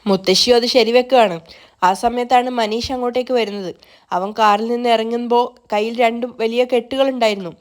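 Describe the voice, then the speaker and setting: A woman narrates the events of a serial episode in a steady storytelling manner. Her voice sits slightly high. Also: a little fast. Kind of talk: storytelling recap.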